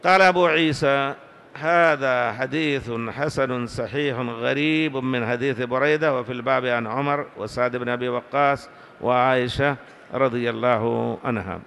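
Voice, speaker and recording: A man giving a classical hadith lesson, reading slowly and deliberately and stopping to correct words. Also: mid-range voice, creaky, a bit bright, a little hiss or hum. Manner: slow, deliberate reading with pauses to correct wording. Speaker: hadith teacher. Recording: long hall reverb.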